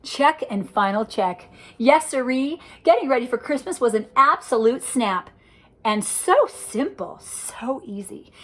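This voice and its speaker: An older woman's voice, on the high side and measured in pace, carries a rhyming picture book for children with lively, lilting energy. She adds conversational asides about the pictures as she goes.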